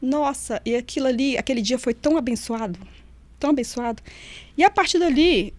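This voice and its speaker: A middle-aged woman tells her memories as an interview guest, in a fairly high voice. She is a vivid storyteller who acts out the people she quotes. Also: fairly quick, no echo. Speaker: nutritionist and former prison officer, guest.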